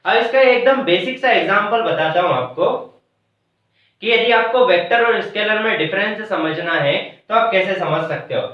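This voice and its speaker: At a moderate pace, a male teacher with a high-pitched voice leads a classroom math lesson one step at a time, raising questions and answering them himself. Captured from a distance in a very echoey space, the sound comes across dull and lo-fi.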